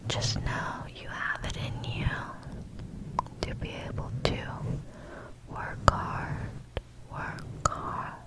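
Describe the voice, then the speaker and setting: Female ASMR host, whispered pep talk, extremely unhurried, soothing and encouraging delivery. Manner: soothing, reassuring, repeats words gently.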